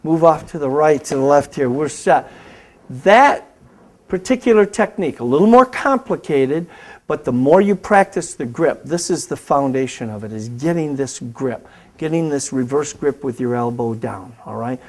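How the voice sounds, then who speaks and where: A man's voice: a little high, animated, moderate pace, darkish tone. A man hosting a safety show, coaching a self-defense technique step by step. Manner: coaching, giving step-by-step commands. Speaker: host and martial arts instructor. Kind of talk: instructional demonstration, talk show.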